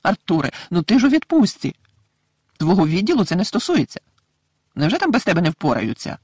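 A man voicing a frantic, tearful middle-aged witch mother in a high, shrill, sobbing voice, from an audiobook. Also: sing-song, brisk, darkish tone, husky, dry recording, clean studio sound, full character voice. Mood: pleading.

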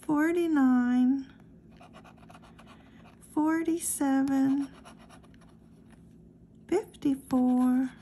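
Slow, gravelly woman reading numbers. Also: high voice, slight background noise. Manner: slow, steady number-by-number commentary. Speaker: lottery scratch-off channel host. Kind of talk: casual narration reading numbers.

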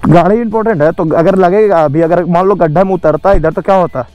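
A young man vlogging outdoors by a highway, scolding and insistent, talking to his viewers. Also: fast talker, darkish tone, highs cut off, faint music behind. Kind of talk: casual vlog talk.

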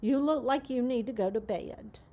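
A woman, a horse owner, filming her horse with a handheld phone in a barn aisle and talking to him in cooing baby talk, sometimes dropping to a soft whisper. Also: on the high side, moderate pace, dull audio. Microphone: handheld phone camera.

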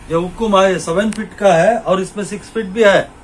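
Inside a small, cluttered shop, a middle-aged Indian man casually demos fishing gear for a camera at a normal speaking speed, his voice sitting high. He repeats his points and shows the viewer what to look at, and the rough recording has a little background noise.

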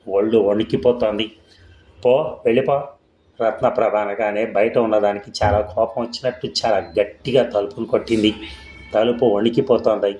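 A man reading a ghost story aloud in a steady, scripted storytelling way. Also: lowish voice, echoey room, rough recording. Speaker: narrator. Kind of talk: scripted audiobook narration.

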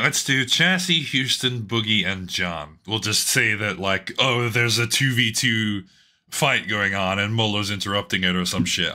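An Australian man with a hoarse voice gives casual, excitable gameplay commentary, swearing freely and talking to himself as he plays. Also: on the low side. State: hoarse, losing his voice. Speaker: gaming channel host. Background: game music.

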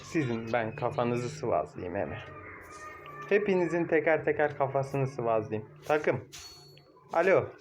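A young man casually commentating his own mobile game match, excitable, cursing at teammates and shouting now and then. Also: medium pitch, measured pace, slight background noise. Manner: excitable, swears and shouts at teammates, laughs loudly.

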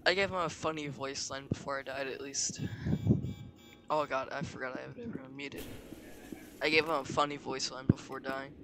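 A man's voice: mid-range voice, fairly even intonation, moderate pace. A teenage boy giving casual, joking gaming commentary while chatting with a friend. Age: teens. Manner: joking, rambling. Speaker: streamer. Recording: noisy game-audio background.

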